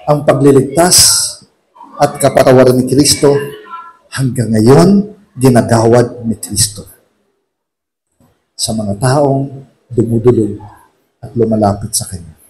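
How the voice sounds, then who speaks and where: A man with a Filipino accent giving a humorous church talk in a chapel, acting out shouting couples. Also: mid-range voice, measured pace, long pauses, a little hiss or hum, low-quality recording. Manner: jokey, acts out shouting couples. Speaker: lay preacher.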